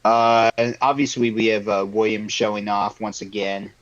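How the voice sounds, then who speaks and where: A man's voice: lowish voice, flat delivery, normal speed, no echo, lo-fi sound. A man chatting casually with friends on a group call, rambling with lots of fillers. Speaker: podcast panelist.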